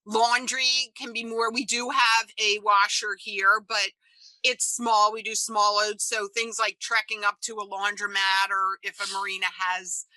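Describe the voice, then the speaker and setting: A woman guest in a casual interview, telling lively stories about life aboard and laughing often. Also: fairly high pitch, dry recording, low-quality recording. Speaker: interview guest, full-time boat liver.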